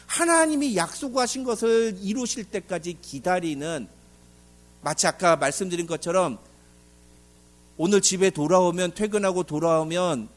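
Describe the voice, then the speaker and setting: A male pastor preaching a sermon in an animated way, asking the congregation questions and acting out dialogue. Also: sits high, moderate pace.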